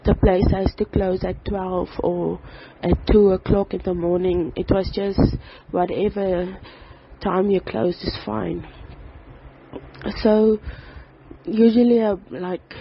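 A person recording a voice note on a phone, praying and then telling their life story in an earnest, halting way with pauses and fillers. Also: medium pitch, level tone. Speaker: person giving a testimony. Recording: slightly dull voice note with faint background noise.

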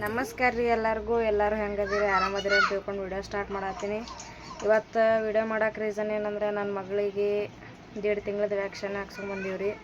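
A woman's voice: mid-range voice, highs cut off. A young mother with a North Karnataka Kannada accent, chatting casually to viewers at home in a vlog. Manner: chatty, addresses viewers with polite "ri". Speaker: vlogger and mother. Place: at home indoors. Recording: noisy home phone recording.

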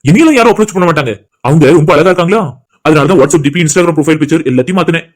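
A man's voice: fairly high pitch, expressive, racing, lightly acted. A man voicing a cocky young groom in a cartoon, teasing and boastful. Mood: smug. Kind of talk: cartoon voice acting.

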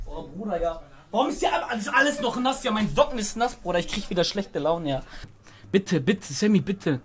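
A man streaming a football video game with a friend, teasing loudly and breaking into shouts and laughter. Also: high voice, background noise. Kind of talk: casual gaming stream banter.

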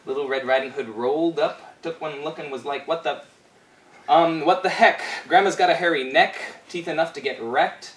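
A man in his twenties performs a rhyming spoken-word fairy tale as a storyteller, delivering it playfully and rhythmically in a slightly high, somewhat bright voice at a moderate pace. He's in a small, bare indoor room. A far-off camera microphone picks him up, giving a roomy, distant sound with background noise.

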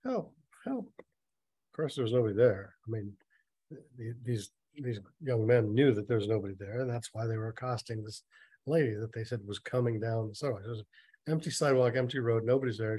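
A man's voice: medium pitch, fairly even intonation, fast talker, dark tone, slightly rough, no room sound. A man reading a story aloud and mocking it with sarcastic, nitpicking asides. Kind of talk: sarcastic dramatic reading with commentary.

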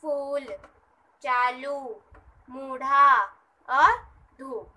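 Slow, bright-voiced woman teaching kids. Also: high-pitched, poor audio. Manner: sounds words out syllable by syllable. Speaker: teacher of a kids' channel. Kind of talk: children's writing lesson.

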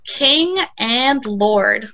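A woman on a group video call leading children in a call-and-response prayer, saying short phrases and pausing for repetition. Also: a little high, lively intonation, a crowd in the background.

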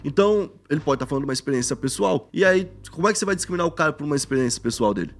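A man co-hosting a podcast in casual chat, slangy and animated, often acting out other people's voices. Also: fairly high pitch, racing, soft background music. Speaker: podcast co-host.

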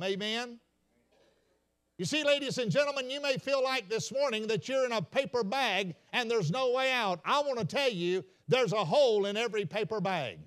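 A man, a senior pastor, preaching a sermon in a folksy storytelling way and calling out to "ladies and gentlemen.". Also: very high-pitched. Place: church sanctuary.

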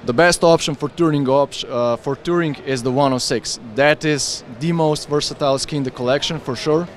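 Eager man pitching skis at a trade fair. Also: moderate pace, slight background noise. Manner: enthusiastic, explains with hand gestures. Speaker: ski brand representative. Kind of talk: trade fair product interview. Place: busy indoor trade fair hall. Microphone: handheld interviewer mic with windscreen.

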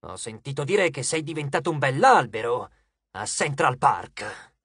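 A man voicing a gentle, weary male Titan of the West who works as a janitor, speaking in a low, calm, measured voice. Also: slightly rough, dry recording, clean studio sound, heavily acted. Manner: slow, measured, quietly firm.

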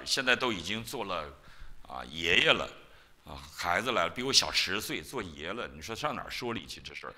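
A male pastor preaching a sermon in a church, telling stories in an animated way and acting out the lines of biblical figures. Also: deep voice.

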